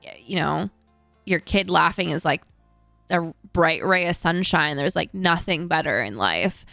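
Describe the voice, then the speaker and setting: A woman's voice: a little slow, vocal fry, bright, forceful tone, no echo, soft background music. A young adult woman chatting casually as a co-host, telling a rambling story full of fillers and now and then acting out what people said. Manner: acts out quoted voices in a higher pitch. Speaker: streamer and co-host. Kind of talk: casual chat.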